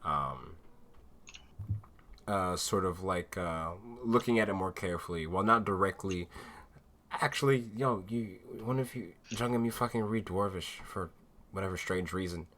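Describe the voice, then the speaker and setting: A man's voice: low voice, normal speed, a bit bright. A man narrating a tabletop game as game master, casual and rambling with lots of fillers.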